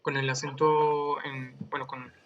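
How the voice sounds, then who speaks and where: A male student with a Mexican accent asking a hesitant, soft-spoken question in class. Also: medium pitch, little pitch movement, unhurried, lo-fi sound, background noise. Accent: Mexican Spanish.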